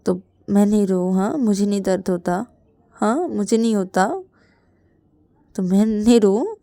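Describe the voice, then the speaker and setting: A doting middle-aged mother coaxes gently and repeats her questions, as a woman storyteller puts her on. Warm, mellow tone in a dry, close recording. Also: medium pitch, unhurried, no echo, natural voice. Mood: coaxing concern. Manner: coaxing, repetitive questioning.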